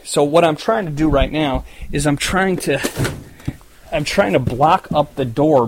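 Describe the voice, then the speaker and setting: Frazzled post-apocalyptic radio host, played by a man, rambling and flustered, a bit high-voiced. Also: close to an everyday voice. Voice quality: rambling, flustered, stumbling over words. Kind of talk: comedic audio drama.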